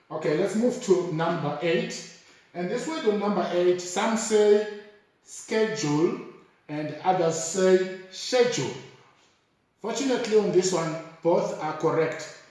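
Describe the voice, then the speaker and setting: A man teaching pronunciation, slowly and deliberately repeating each word as an example. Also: fairly high pitch, darkish tone. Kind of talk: explanatory lesson. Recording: very echoey room, mic far off.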